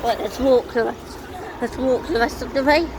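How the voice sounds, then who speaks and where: A transport enthusiast vlogs outdoors on a handheld phone by streets and bus stops, excitedly and chattily reading out bus fleet numbers and number plates. Her voice is a little high at normal speed. The noisy recording picks up a loud crowd plus traffic and street noise.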